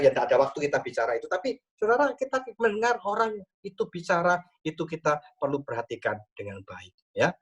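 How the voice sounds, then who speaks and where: Pastor on a distant Zoom call. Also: male voice, a little high, muffled recording. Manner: lively teaching tone with frequent "ya" tags. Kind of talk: church Zoom talk on marriage. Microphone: video call.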